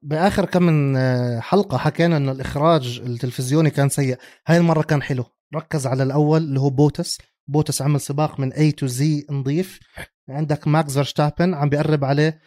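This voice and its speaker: A man's voice: a little high, a little mellow. A man with a Levantine Arabic accent co-hosting a casual sports discussion, dropping English terms into his talk. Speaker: motorsport podcast co-host.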